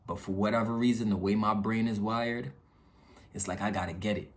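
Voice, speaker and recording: Speaking fairly quickly in a low, steady tone, this man vents to his audience as a YouTube vlogger. His talk is candid and slangy, with phrases repeated for emphasis and lots of check-in tags.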